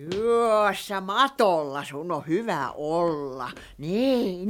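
A woman's voice: medium pitch, a bit bright, no echo, studio quality. An actress playing a chatty, lovestruck witch who fusses and coos over her cat in a radio play. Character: lovestruck chatty witch woman, fussy and fond.

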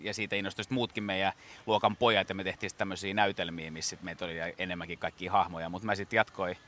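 A man's voice: low-pitched, little pitch movement, bright, forceful tone, slight background noise. A man, a guest impressionist, telling stories in a rambling way, with many fillers and restarts, in a radio studio. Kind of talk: casual interview talk.

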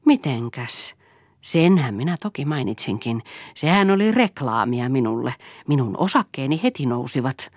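Kiivas ja suorapuheinen nuori nainen, jonka lukijanainen esittää tiuskii ja tinkii terävällä äänellä. Sävelkorkeus heittelee voimakkaasti ylös ja alas. Äänitys on kuiva ja lähellä. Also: female voice, extremely low pitch, sing-song, no echo, clean studio sound, exaggerated voice. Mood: defiant. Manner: sharp, scolding and haggling. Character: fiery, blunt young woman, a former housemaid. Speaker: audiobook reader. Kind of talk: novel reading.

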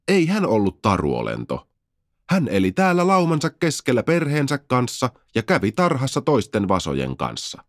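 A man reading a children's fairy tale aloud, expressive and gentle. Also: on the low side, no room sound, clean studio sound. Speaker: storyteller. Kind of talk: children's audiobook narration.

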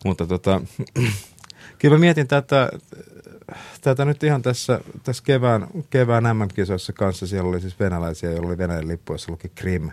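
Deep-voiced chatty man. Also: a little mellow, no room sound. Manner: chatty, laughs often, many fillers and restarts. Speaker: guest. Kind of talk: casual storytelling interview.

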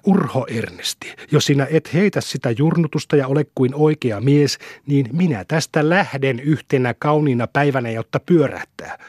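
A man's voice: medium pitch, a little mellow, breathy edge, no echo, clean studio sound, close to an everyday voice. A man reading aloud, voicing a quarrelsome middle-aged peasant wife who talks in a scolding, contemptuous way.

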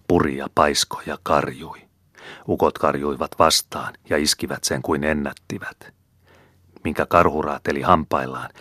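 Very deep-voiced male storyteller. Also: fairly bright tone, no echo, studio quality. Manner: measured, storytelling reading. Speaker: audiobook reader. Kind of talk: audiobook narration of folk tales.

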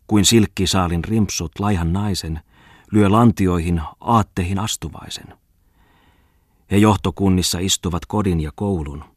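A man's voice: low voice, husky, no echo, studio quality. A male audiobook reader voicing a pompous young poet who declaims satirical rhymed verse.

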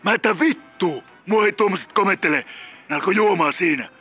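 A man doing a raspy, cursing killer caller. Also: sits high, soft background music, voice pushed up, full character voice. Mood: rambling. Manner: rambling, cursing, bursts into shouting. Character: volatile middle-aged male drug-using killer caller.

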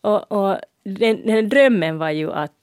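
A woman's voice: medium pitch, lively intonation, a little mellow, clean tone, dry recording, clean studio sound. A woman with a Finland Swedish accent co-hosting a radio chat, explaining at length and laughing often. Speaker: radio co-host.

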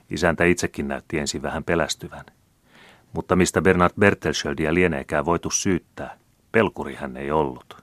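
A man reading a classic novel aloud as audiobook narration, steady and measured. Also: rumbling low, no echo. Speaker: audiobook reader.

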